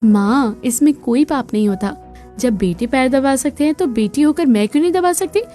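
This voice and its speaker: Woman voicing a gentle humble maid girl. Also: high-pitched, expressive, moderate pace, faint music behind. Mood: affectionate. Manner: gentle, cheerful. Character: sweet humble young maid girl, respectful.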